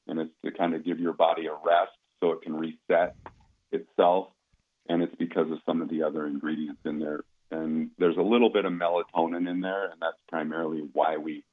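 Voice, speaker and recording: Deep-voiced man on a tinny line. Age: 50s. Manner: easygoing, explanatory, repeats words as he restarts. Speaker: company founder talking about supplements. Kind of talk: casual interview talk.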